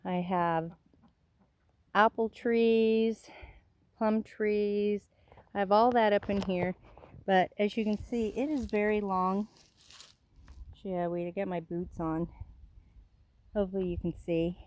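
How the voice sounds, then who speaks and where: A chatty woman walks through her yard, pointing out plants in a casual, meandering way. She sounds a little out of breath from the walk, with a voice of ordinary pitch. It is recorded outdoors on a handheld phone. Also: steady tone, takes it slowly, long pauses, darkish tone. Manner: chatty, pointing things out while walking outdoors. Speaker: vlogger giving a garden tour. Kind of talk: casual walking garden tour.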